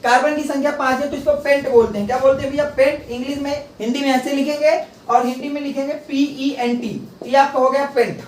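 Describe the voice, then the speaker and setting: A man's voice: very high voice, steady tone, quick pace, hardly any pauses, a little hiss or hum. A male chemistry teacher giving a classroom lecture, asking rhetorical questions and answering them himself, repeating key terms. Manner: rhetorical call-and-response questions. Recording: echoey room, voice from a distance.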